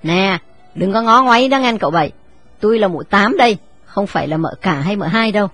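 A woman voicing a sharp-tongued older female servant, blunt and grumbling. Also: mid-range voice, animated, a little fast, faint music behind. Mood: stern.

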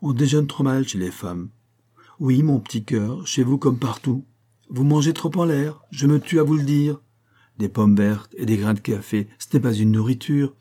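A man's voice: medium pitch, mellow, slightly rough, pitched above the performer's own voice, lightly acted. A man voicing a bossy, fussing older woman who gives orders in an audiobook. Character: Madame Jourdeuil, bossy older woman, gluttonous.

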